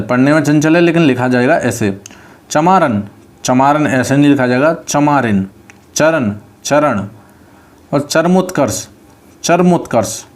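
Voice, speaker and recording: A male teacher with a mid-pitched voice. He runs an online exam-prep class on spelling. He says each word and then explains how it is correctly written.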